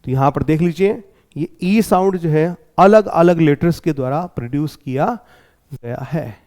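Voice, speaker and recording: An Indian man teaching an exam-prep English lesson, explaining step by step and often asking whether it is clear. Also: on the high side, moderate pace, darkish tone. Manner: explains step by step, checks in with 'clear?'.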